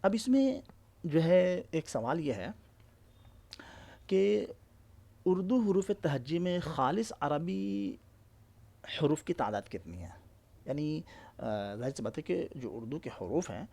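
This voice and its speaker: A man teaching an exam-prep lesson, explaining slowly, spelling out letters one by one and often checking that his listeners follow. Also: on the high side, sing-song, gravelly, dark tone.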